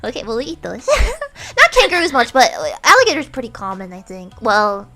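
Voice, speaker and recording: A young woman from the United States chats on a stream in a high, lively voice that leaps up and down. Her tone is bright and she talks in a giggly, animated way. Faint music plays behind her. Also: normal speed. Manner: giggly, chatty, animated storytelling. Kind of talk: casual chat.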